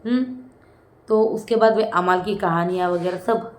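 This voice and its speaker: A woman's voice: lowish voice, fairly even intonation, normal speed, a little mellow, roomy sound. A woman giving casual, chatty commentary as a reality show reviewer, often saying "bhai" and "hmm".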